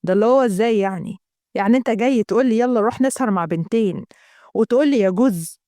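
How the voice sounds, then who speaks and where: A woman's voice: fairly high pitch, very fast, mellow, no room sound, clean studio sound, natural voice. A woman voicing a worried young Egyptian man protesting to his friend. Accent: Egyptian Arabic.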